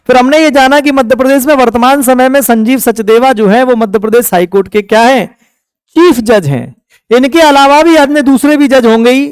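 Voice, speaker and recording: A man from India gives an exam-prep lecture. His voice is high and smooth and sounds close and dry. He often turns a point into a question for the class and then answers it himself. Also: no room sound. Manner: asks the class questions and answers them himself, scolds a student. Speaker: teacher.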